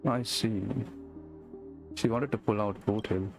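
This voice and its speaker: A gaming streamer with a lowish, fairly even voice talks a little slowly as he plays, giving casual commentary on his playthrough. He reacts with short questioning asides, while game music and rain sounds play in the background.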